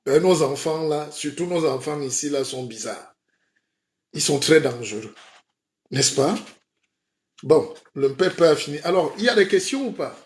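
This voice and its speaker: A man's voice: fairly high pitch, animated, moderate pace, long pauses. A man playing a comic spiritual guide in a mock sermon on a live stream, playful and rhetorical, often asking his listeners "hein?". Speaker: comedic self-styled spiritual guide.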